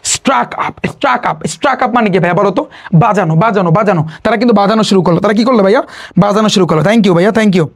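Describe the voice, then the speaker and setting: Tutor explaining vocab, throws in english words, keeps asking the class what stuff means, middle pitch. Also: fast talker. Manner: mixes English words into Bengali, quizzes listeners with repeated questions. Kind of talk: online exam-prep lecture.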